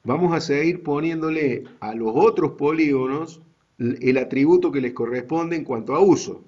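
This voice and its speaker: Hombre argentino que da clase despacio, audio apagado. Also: male voice, a little high, a little mellow, highs cut off. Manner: slow, deliberate explaining to students. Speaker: university GIS teacher. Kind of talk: online class lecture.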